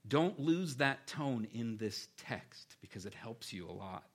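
A man preaching a sermon as pastor, with animated emphasis that keeps dropping to quiet, earnest stretches. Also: medium pitch, a little slow, slightly rough.

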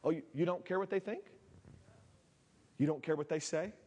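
A man's voice: on the high side, moderate pace, mellow, long reverb tail, dull audio. A man preaching a sermon as pastor in his church, impassioned and repetitive, building to fervent peaks. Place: church sanctuary.

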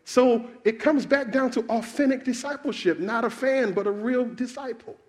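A man's voice: very high voice, moderate pace. A man preaching a sermon, asking his congregation questions and calling for answers. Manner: animated, calls out questions to the congregation.

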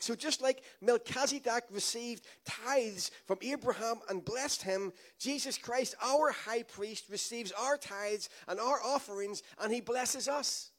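Male pastor, very high voice, emphatic call-and-response preaching. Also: measured pace, hardly any pauses. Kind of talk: sermon.

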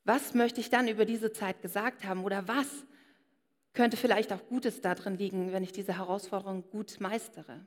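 A woman's voice: mid-range voice, fairly even intonation, normal speed. A woman giving a personal sermon and speaking straight to her listeners. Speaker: preacher. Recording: long hall reverb.

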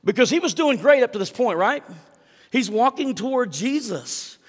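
A man's voice: very high voice, lively intonation, moderate pace, long reverb tail. A male pastor preaching a sermon, reading scripture aloud with dramatic emphasis and asking the congregation for responses.

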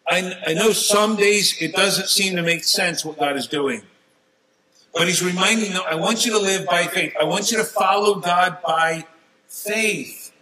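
A man preaching a sermon in a church, talking to the congregation in a conversational way, with sudden emphatic rises and soft, quiet drops. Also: high-pitched, measured pace, low-quality recording.

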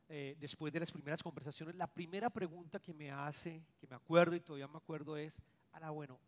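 A middle-aged man preaching a sermon as pastor, earnest and confessional, swinging between loud stressed words and hushed asides. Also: fairly high pitch, in a large hall.

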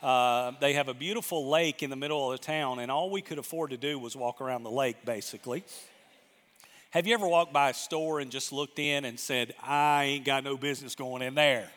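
A man's voice: mid-range voice, fairly quick, fairly bright tone. Folksy pastor in his fifties, reverberant hall. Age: 50s. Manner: folksy and self-deprecating, jokes with the congregation. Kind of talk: conversational sermon. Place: church sanctuary.

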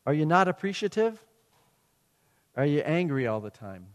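A man's voice: fairly high pitch, big pitch swings, normal speed. Middle-aged male pastor, sermon, chatty storyteller, hall reverb. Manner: conversational storytelling with quoted asides.

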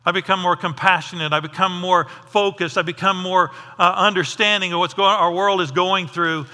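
Pastor preaching in a hall. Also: male voice, high voice, steady tone, normal speed, bright, forceful tone. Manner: conversational, asks the audience questions. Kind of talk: sermon.

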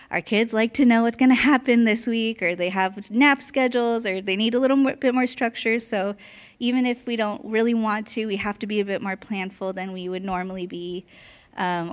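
A young adult woman speaking in a casual, conversational sermon style, slightly out of breath, often checking in with an informal "right?". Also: mid-range voice. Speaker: church speaker.

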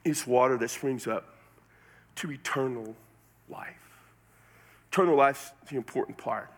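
A pastor from Texas with a Texan accent, preaching a sermon in a folksy, conversational way with plenty of colloquial phrasing. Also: male voice, mid-range voice, unhurried, breathy edge.

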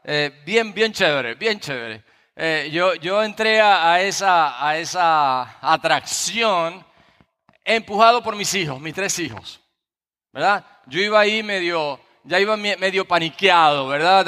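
A man preaching from the pulpit with a bright, sharp-edged voice, pitched somewhat higher than most men. He tells a story at an easy storytelling pace, often checking in with his listeners. His words ring out with the long reverb of a large church hall. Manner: anecdotal storytelling, frequent tag questions. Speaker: pastor. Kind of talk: sermon with personal story.

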